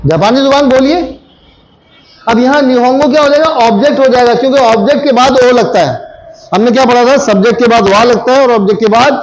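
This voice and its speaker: A man's voice: very high-pitched, slight background noise, poor audio. A man teaching a Japanese grammar lesson to a classroom of students, repeating phrases and quizzing them with frequent questions.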